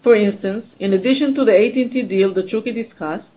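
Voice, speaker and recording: An executive reads scripted quarterly results in a formal, stiff corporate delivery over a conference call line. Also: fast talker. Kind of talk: scripted earnings call presentation. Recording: narrow phone-line sound, faint rumbling noise.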